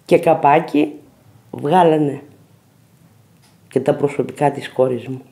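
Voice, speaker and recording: A mother telling her family's story slowly and plainly in a documentary interview. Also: sits low, fairly even intonation, creaky, warm tone.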